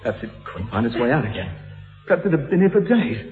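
A man's voice: medium pitch, big pitch swings, fast, over music, lightly acted. An actor playing an unhinged young male killer who taunts his captive, mocking and swinging between menace and giggles. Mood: creepy. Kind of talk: radio-drama acting. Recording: tinny old radio recording in echoey hall.

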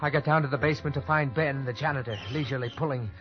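In an old-time radio suspense style, an actor plays a panicked young man narrating his own desperate cover-up, tense and stammering when pressed. His mid-range voice, close to an everyday one, comes out rapid-fire. The recording is dull and old, with loud music.

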